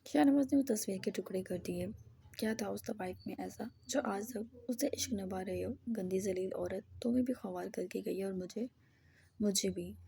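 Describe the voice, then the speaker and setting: A woman narrating a novel as an audiobook in a hushed, half-whispered reading. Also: medium pitch, moderate pace, gravelly, a little hiss or hum.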